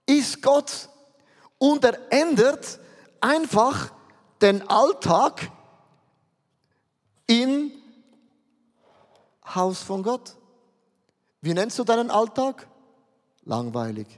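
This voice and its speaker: High-voiced preacher in a reverberant hall. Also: male voice. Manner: emphatic, addresses listeners directly with questions. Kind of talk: sermon.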